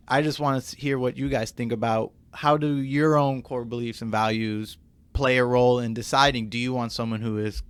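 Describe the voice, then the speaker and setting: A man's voice: medium pitch, a bit bright, clean tone, no room sound. A man with an ordinary mid-range voice poses questions to a panel. He talks loosely with casual fillers, and the sound is dry and close to the mic. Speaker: podcast panelist. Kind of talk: casual discussion.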